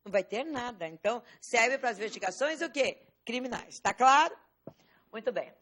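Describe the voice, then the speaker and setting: A woman's voice: on the high side, expressive, normal speed, fairly bright tone, slight background noise. Woman teacher quizzing her students. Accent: Brazilian Portuguese. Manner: quizzing students with rhetorical questions, stressing key words. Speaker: law course teacher. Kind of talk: classroom lecture.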